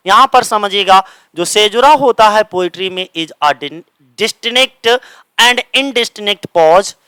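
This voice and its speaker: A man teaching an exam-prep literature class, asking questions and answering them himself on the lines, which he reads slowly. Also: pushed and bright, clean tone, no echo. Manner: reads English lines slowly, then explains in Hindi; voice drops low at each answer. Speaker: coaching teacher.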